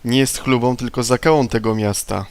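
A man's voice: medium pitch, steady tone, normal speed, clear, resonant tone, no room sound. A man hosting a let's play, casually commenting and reading his own character's lines. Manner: casual, matter-of-fact.

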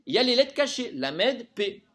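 A man's voice: very high-pitched, big pitch swings, normal speed, pushed and bright. A man teaching a Torah lesson to a group, keeping listeners engaged with frequent rhetorical questions.

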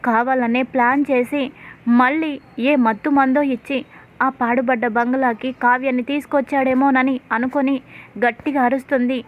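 High-voiced woman narrating a serial recap. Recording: tinny phone-like sound.

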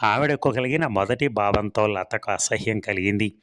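A man reading a storybook serial in steady, scripted narration. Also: fairly low pitch, normal speed, background noise.

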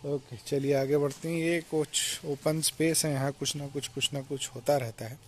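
A young man strolls through his garden holding the camera, talking in a relaxed, explanatory way. His delivery stays fairly flat and even. Faint outdoor ambience sits behind the voice. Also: a little high, normal speed, slight background noise. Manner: relaxed, explanatory, mixes English words into Hindi. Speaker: vlogger giving a garden tour. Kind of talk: casual walk-and-talk garden tour. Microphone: handheld phone or action camera, point-of-view.

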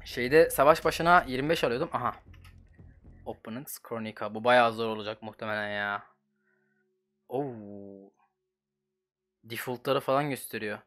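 A young man with a Turkish accent, giving casual, slangy commentary while playing a fighting game at his computer and reacting loudly to each fight. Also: medium pitch, moderate pace, long pauses. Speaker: gaming channel host.

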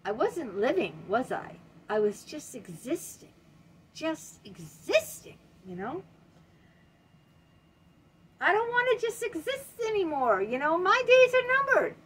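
Emphatic, fast-pivoting woman in her fifties. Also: high voice, sing-song, a bit bright, a little hiss or hum. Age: 50s. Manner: emphatic, repeats key words, frequent "you know". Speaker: self-help video host. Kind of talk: casual motivational talk to camera. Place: home room lined with bookshelves, indoors. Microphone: webcam at desk, close.

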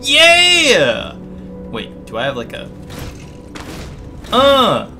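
A young man doing casual, jokey gameplay commentary, excitable, with sudden yelps and muttered asides. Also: medium pitch, slow pace, soft background music. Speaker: gaming streamer.

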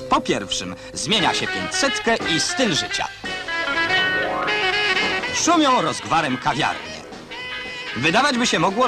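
A man narrates an old-style newsreel in a high, sweeping voice that rises and falls a great deal. His commentary is dry and ironic. Loud music runs beneath every line. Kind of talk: 1960s newsreel voice-over.

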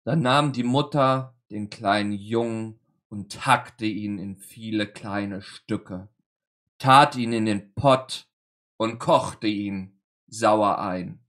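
A man reading a grim old fairy tale aloud with a slow, dramatic delivery and deliberate pauses. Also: on the low side, a bit bright. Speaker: storyteller.

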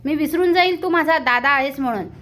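A woman's voice: high voice, a little fast, background noise, lightly acted. A woman voicing a hot-tempered young man who defiantly stands up to his elder brother. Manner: shouting, defiant.

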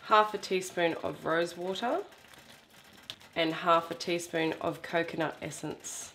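A woman's voice: on the low side, unhurried, a bit bright, echoey room, slight background noise. A woman, hosting a cooking demonstration in her home kitchen and explaining each step in a chatty, instructive way. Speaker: cooking show host.

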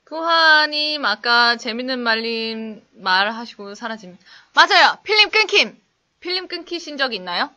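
Bubbly, bright-voiced woman teaching English live. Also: expressive, a little slow. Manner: playful, laughing, acts out little skits in exaggerated high voices. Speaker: English instructor hosting a live stream. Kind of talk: casual live-stream English lesson, reading chat.

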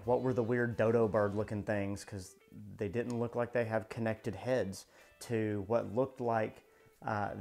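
Gravelly man chatting in a casual video. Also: fairly low pitch, a little mellow. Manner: chatty, many "uh" and restarts, gestures a lot. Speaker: show reviewer. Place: indoor home studio in front of a backdrop.

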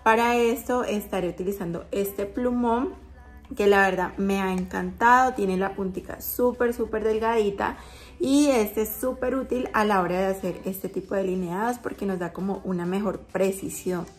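A woman's voice: mid-range voice, steady tone, moderate pace. A woman vlogger talking through a makeup tutorial, chatty and explaining each step as she goes.

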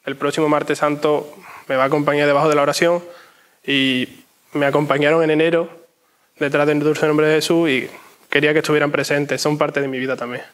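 A young man gives conversational interview answers in a voice a little higher than average. He speaks in short phrases and often repeats them for emphasis. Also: little pitch movement, fairly quick, a bit bright. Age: young adult. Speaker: interview guest. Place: inside an ornate church.

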